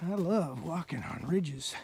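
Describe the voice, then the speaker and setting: A man's voice: on the high side, measured pace, a little mellow, slight background noise. A man vlogging outdoors on a wooded mountain trail, with folksy, chatty narration into a handheld camera. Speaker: hiking vlogger.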